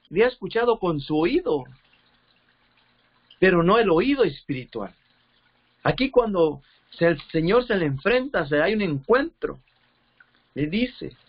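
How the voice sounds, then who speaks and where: A man preaching a sermon with fervor, reading scripture slowly and often repeating words as he searches for them. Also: sits high, highs cut off. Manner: reads scripture slowly, drawn out.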